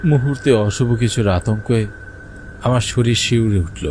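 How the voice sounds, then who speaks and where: Voicing a scared village fisherman, a man tells a cartoon horror tale in first person, nervous, suspenseful and urgent. He speaks at a moderate pace in a mid-range, darkish, near-everyday voice, with a little hiss or hum.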